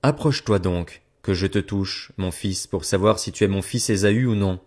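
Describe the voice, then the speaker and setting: A man reading the part of an old blind father, grave and measured. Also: sits low, darkish tone. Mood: solemn.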